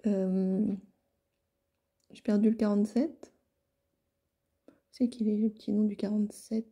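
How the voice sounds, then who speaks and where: A French woman calmly narrating a watercolour card tutorial in a casual way, with many fillers and restarts. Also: mid-range voice, a little slow, breathy edge. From France. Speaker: card-making artist.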